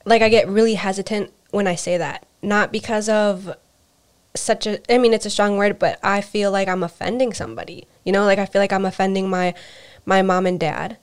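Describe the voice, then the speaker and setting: A woman from Peru, mid-pitched, co-hosting a casual podcast. She speaks in a hesitant, reflective way and often trails off softly. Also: fairly even intonation, fairly quick, clear, resonant tone. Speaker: podcast co-host. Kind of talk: casual personal storytelling.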